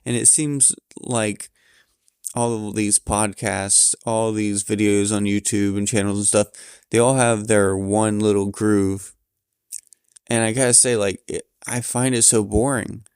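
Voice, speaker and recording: Tired, low-key man musing from bed. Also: flat delivery, a little mellow, smooth, no room sound, clean studio sound. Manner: tired, halting, reflective. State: sleepy, yawning. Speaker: vlogger recording his thoughts. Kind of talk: candid personal monologue. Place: lying in bed at home.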